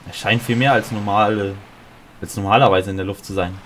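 A man's voice: fairly low pitch, steady tone, fairly quick, a bit bright, slight background noise. A man playing a video game and reading all of its dialogue aloud, with small slips and restarts. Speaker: let's player.

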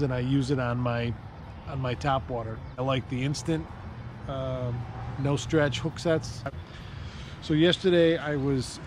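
A man in his thirties talking casually about fishing as he casts from a lake dock, recorded on an action camera. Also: mid-range voice. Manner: chatty, excited when fish strike. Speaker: fishing channel host. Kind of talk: casual fishing vlog narration. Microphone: action camera, chest-mounted then on a stand. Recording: outdoor camera mic with noticeable background noise.

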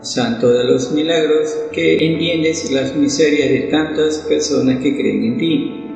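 A man reciting a devotional prayer in a solemn, pleading, measured way. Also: on the high side, creaky. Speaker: prayer reader. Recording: very echoey reverberant room, soft guitar behind.

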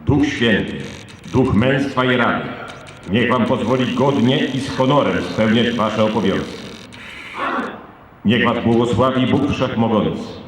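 A man's voice: mid-range voice, expressive, unhurried. Priest's solemn blessing, heavily echoing male voice. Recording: very echoey square, long reverb, noisy.

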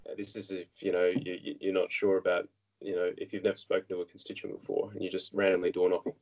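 Australian male guest in his thirties, lowish register, frank anecdotal talker. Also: little pitch movement, quick pace, a little mellow, rough recording. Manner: frank, anecdotal, frequent restarts. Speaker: guest politician. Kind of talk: casual interview chat.

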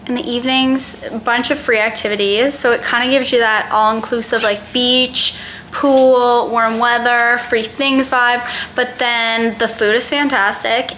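A woman's voice: on the high side, bright, forceful tone, a little hiss or hum. Chatty young woman vlogging from a hotel room. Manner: upbeat, chatty, quick recommendations. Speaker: travel vlogger. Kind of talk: casual vlog chat to camera. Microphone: phone camera at arm's length.

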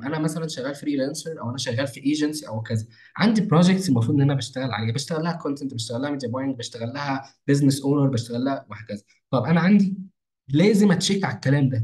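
A man's voice: mid-range voice, darkish tone. A young man with an Egyptian Arabic accent, talking a viewer through a daily planning routine as a marketing mentor, often repeating himself and restarting words. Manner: rapid, repetitive, with many false starts and stretched fillers. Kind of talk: casual screen-share tutorial.

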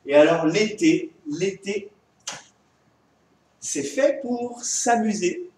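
A man with a French accent teaching young children from home, his voice high for a man and lifting in a sing-song line. He talks slowly and patiently, stretching his words. He sounds set back from the mic in a very echoey room. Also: lively intonation, a little mellow, recorded from a distance, slight background noise. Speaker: kindergarten teacher. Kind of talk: remote classroom lesson for young children.

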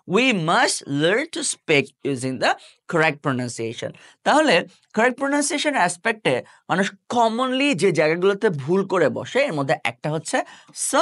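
A man teaching English pronunciation to camera, demonstrating sounds slowly and repeating them for emphasis. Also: sits high, fairly bright tone.

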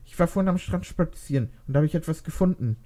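A shy young mother, embarrassed and hesitant, voiced clearly higher than the reader's usual tone, as a man reads her aloud. Her sound stays warm and soft, a careful storybook character. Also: lively intonation, fast talker, close to an everyday voice. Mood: sheepish.

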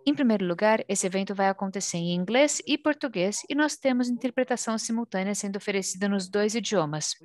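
A woman with a Brazilian accent interpreting a formal speech live, phrase by phrase with pauses. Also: medium pitch, darkish tone. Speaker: simultaneous interpreter.

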